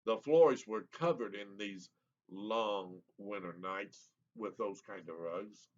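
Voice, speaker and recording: A man in his seventies reading his own childhood memoir aloud in an unhurried, reminiscing, plain-spoken way. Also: lowish voice. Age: 70s. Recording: slightly muffled lo-fi recording.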